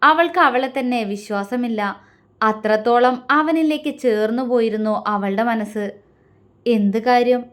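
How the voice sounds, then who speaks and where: Casting: a woman storyteller, soft and measured, fairly high voice, scripted romance narration.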